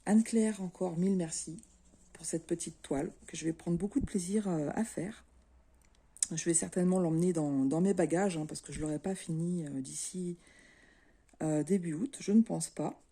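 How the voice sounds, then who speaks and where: A middle-aged woman from France, a craft vlogger chatting casually to her viewers in a relaxed, easygoing way with many fillers. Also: fairly low pitch, moderate pace, breathy edge. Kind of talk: casual chat to camera.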